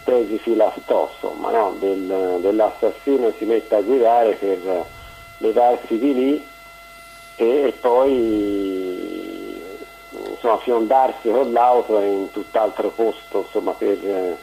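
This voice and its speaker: A man phoning in to a talk show, his voice coming down the phone line. He speaks slowly and haltingly, with many pauses and tag questions. His tone is dark and mellow. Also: lowish voice, vocal fry, a little hiss or hum. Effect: heard over a phone line. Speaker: caller. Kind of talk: call-in discussion.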